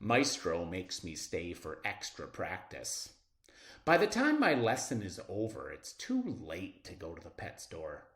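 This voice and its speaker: A man reading a children's story aloud expressively, with dramatic pauses and drawn-out words. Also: low voice, wildly swooping pitch, fairly bright tone. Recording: roomy, echoing sound.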